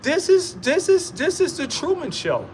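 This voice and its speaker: A man's voice: extremely high pitch, wildly swooping pitch, measured pace, slight background noise. A man giving a rambling motivational monologue in streetwise slang, repeating himself often and laughing into his words. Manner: repetitive, emphatic, streetwise slang. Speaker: vlogger.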